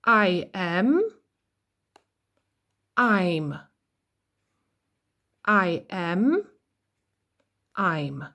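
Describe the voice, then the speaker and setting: A woman's voice: lowish voice, a bit bright. A woman teaching English to young children in a recorded lesson. She explains patiently, tells playful little stories and has the class repeat after her.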